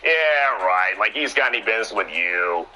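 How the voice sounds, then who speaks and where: A haughty, sneering male wrestler, as a commentator puts him on, brushing off his rival with lofty disdain. The voice is sharp and bright, leaning upward with a snooty lilt. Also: fairly low pitch, animated, moderate pace, slight background noise, poor audio. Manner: haughty, dismissive taunting.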